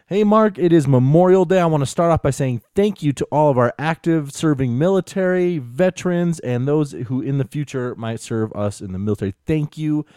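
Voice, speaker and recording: A man's voice: a little high, brisk, hardly any pauses, dark tone, clear, resonant tone, no room sound, clean studio sound. An American man talking casually as a podcast co-host, rambling and earnest, often saying "you know". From United States. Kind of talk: casual tech podcast talk.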